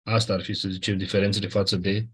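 A man teaching a class, explaining grammar rules patiently, often checking that students follow and clearing his throat now and then. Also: low-pitched, flat delivery. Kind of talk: classroom lecture on Ancient Greek grammar.

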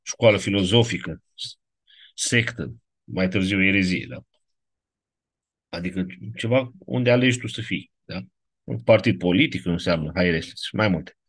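Low husky man teaching online. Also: pauses often, no echo. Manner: explanatory, keeps checking with "da?" and "nu?". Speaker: teacher of biblical Greek. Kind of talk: online lecture.

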